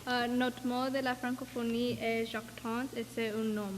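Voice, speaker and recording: A woman, a student presenter, reading a prepared word presentation softly and giggly. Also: on the high side, little pitch movement, unhurried. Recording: distant, long hall reverb, crowd and noise behind.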